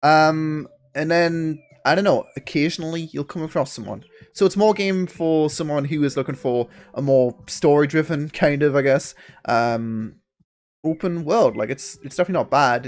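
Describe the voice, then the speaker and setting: A man's voice: on the high side, normal speed. A man giving rambling, profane, laid-back commentary as he plays a video game, talking into a gaming headset at home. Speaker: gaming streamer. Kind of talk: casual let's-play commentary.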